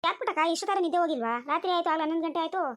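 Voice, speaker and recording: A woman's voice: very high voice, racing, a bit bright. A woman voicing a fussy, preachy neighbor mother in a cartoon, gossipy and lecturing.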